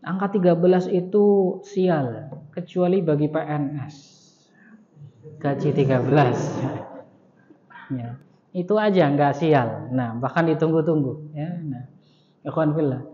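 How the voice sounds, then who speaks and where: A man's voice: a little high, a little slow, long pauses, mellow. A male Islamic teacher giving a conversational study lecture in a mosque, joking and putting rhetorical questions to the audience. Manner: fills phrases with "ya" and "nah". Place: mosque hall. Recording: reverberant mosque hall, dull lo-fi sound.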